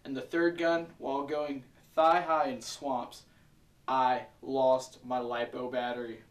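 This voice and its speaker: A man's voice: mid-range voice, level tone, takes it slowly. A man hosting a video, giving a casual vlog recap. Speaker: video host. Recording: echoey room, distant mic, faint music. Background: faint background music.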